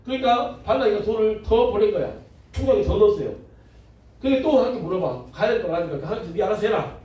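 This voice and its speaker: A man pastor leads a Bible lecture, retelling the story with jokes and quick acted-out quotes. His voice sits fairly high but sounds mellow and dark. It comes from well back in a very echoey room. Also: lively intonation. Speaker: pastor teaching a Bible class. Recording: very echoey room, mic far off.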